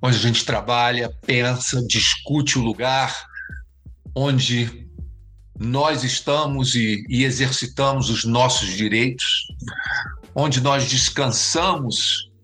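Male expert guest, bright forceful tone, halting speech with many restarts, soft music under the voice. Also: mid-range voice, poor audio. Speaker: interview guest, urban planning expert. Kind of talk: reflective interview answers.

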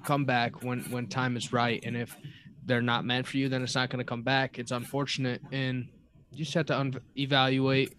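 Male guest, casual chat, halting and reflective, mid-pitched voice. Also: level tone, fairly bright tone, a little hiss or hum. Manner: halting, reflective, many restarts. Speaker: podcast guest.

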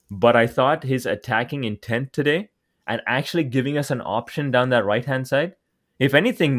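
A man in a casual football podcast, voice of ordinary middle pitch, talking through his opinions with conviction. He likes to hammer a point home by repeating it. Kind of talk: casual sports chat.

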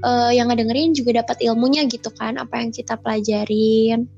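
A chatty, outgoing young woman co-hosts a podcast in a casual, talkative way. Her voice sits high. The recording sounds muffled and lo-fi, with faint music underneath. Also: fairly even intonation, a little fast, vocal fry, mellow. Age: young adult. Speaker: podcast co-host. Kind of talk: casual chat.

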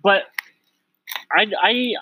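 Male co-host, slightly high, bright voice, joking and chatty, dry close sound. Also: drawn-out words, slightly rough, dry recording, rough recording. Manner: joking, self-deprecating, leads the questions. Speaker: podcast co-host. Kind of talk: casual chat. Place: home, at night.

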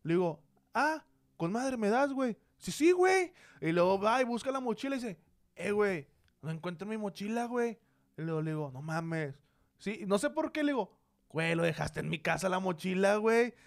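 A man's voice: sits high, lively intonation, a little fast, vocal fry. A young Mexican man with a slangy, teasing way of telling stories in casual chat among friends. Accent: Mexican Spanish.

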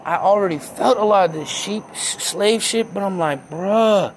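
Young man, high-pitched voice, angry rambling profane monologue, faint vehicle hum behind. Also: normal speed. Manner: profane, heated, rambling conspiracy talk. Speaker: self-described conspiracy theorist. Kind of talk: casual rant.

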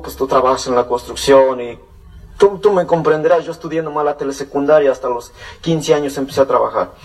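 A man's voice: fairly high pitch, recorded from a distance. A man from Puebla with a Mexican accent, telling his life story in a rambling, casual way full of fillers and restarts. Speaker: guest telling his testimony.

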